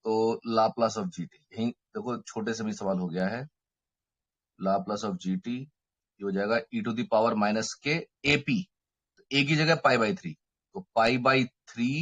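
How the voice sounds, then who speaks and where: A male mathematics teacher gives an online lecture on a microphone, working through every step, checking in with his students, and mixing Hindi and English terms. His voice is on the low side, slow, and husky. The audio sounds dull.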